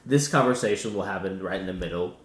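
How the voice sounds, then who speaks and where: Young male co-host, low voice, laid-back and laughing a lot; roomy recording. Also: quick pace. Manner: laid-back, laughs often, reflective asides. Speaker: podcast co-host. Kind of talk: casual comedic banter.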